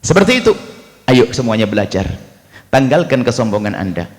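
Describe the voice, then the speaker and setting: A man from Indonesia giving a lively sermon, swinging between loud exclamations and quiet asides. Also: mid-range voice, brisk. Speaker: preacher. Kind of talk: lively sermon to a live audience. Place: large hall at a religious gathering. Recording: long hall reverb.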